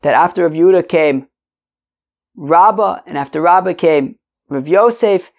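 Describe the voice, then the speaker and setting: This informal Talmud lesson comes from a man whose high voice carries vocal fry and moves at a normal speed. He reads the text and translates it in a conversational way, rephrasing and asking rhetorical questions, all captured on a dull lo-fi recording.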